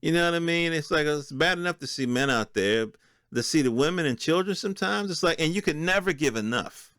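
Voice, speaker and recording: Talking unscripted on his own podcast, this host has a fairly high, fairly bright voice and an animated, slightly fast delivery. He's casual and streetwise, with plenty of swearing, and the studio sound is dry and clean.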